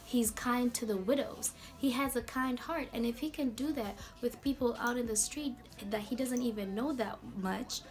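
A woman hosting a casual Bible talk vlog in a chatty, slangy, animated way. Her voice is going hoarse. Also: on the high side, normal speed, few pauses. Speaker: video host.

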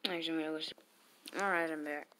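A woman giving live commentary while playing a battle game, excitable and yelling at the screen. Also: deep voice, very fast, slight background noise. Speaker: gamer playing online battles.

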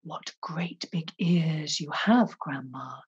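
A woman voicing a small, cool-headed young girl in a comic storybook poem, speaking softly and sweetly. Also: low voice, slow pace, slightly rough, highs cut off, exaggerated voice. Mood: innocent.

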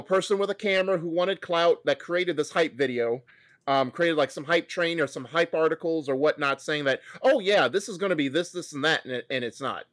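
Animated higher-voiced man on a video call. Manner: animated, opinionated, frequent restarts and fillers. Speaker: co-host. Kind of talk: casual gaming news chat. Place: home room.

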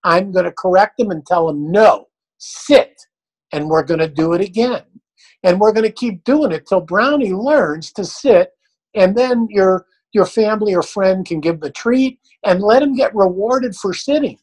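A man's voice: high-pitched, lively intonation, normal speed, a little mellow, rough recording. An older man, a dog trainer, answering questions in a blunt, folksy, plain-spoken way.

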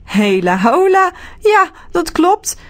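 A woman's voice: very high voice, sing-song, slow, voice pushed up, exaggerated voice. A woman voicing a small, cheerful man who lives in the clouds and calls out a sing-song greeting.

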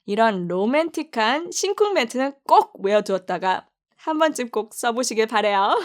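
A woman teaching English pronunciation, saying each phrase slowly and praising the learner warmly. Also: fairly high pitch, very animated. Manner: upbeat, praising, spelling out each word slowly. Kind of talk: slow pronunciation drill.

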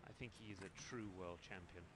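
A man's voice: deep voice, brisk. A man adding enthusiastic expert remarks as co-commentator at an equestrian event. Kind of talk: sports commentary. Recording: outdoor broadcast with crowd noise.

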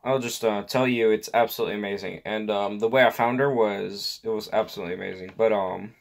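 A man's voice: fairly low pitch, fairly even intonation, fast talker, creaky. A man vlogger in casual talk to camera, rambling with many filler words and repeated phrases.

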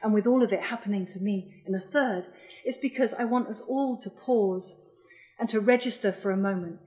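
A woman of middle age reads her own essay to a lecture audience. Her voice sits at an ordinary pitch for a woman. She is measured and thoughtful, with a dry, wry edge. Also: a little mellow, poor audio. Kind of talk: reading an essay aloud. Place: lecture hall.

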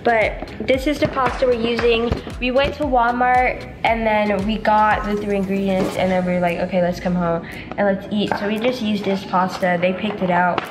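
A woman's voice: mid-range voice, fairly even intonation, normal speed. A young woman vlogging as she cooks in a large home kitchen, explaining each step in a chatty way. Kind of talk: casual cooking vlog. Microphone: handheld camera, at times set down further away. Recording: echoey kitchen with music behind.

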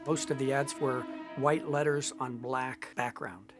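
A man in an interview, telling lively anecdotes and laughing now and then. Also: mid-range voice, a little slow, over music. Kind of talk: retrospective interview.

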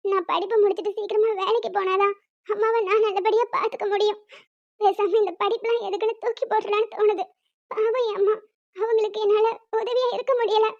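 A woman's voice: very high voice, steady tone, fast talker, few pauses, dark tone, no room sound, lo-fi sound. A woman voicing a tearful young college girl. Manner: tearful, pleading. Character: anxious young female college student. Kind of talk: cartoon voice acting.

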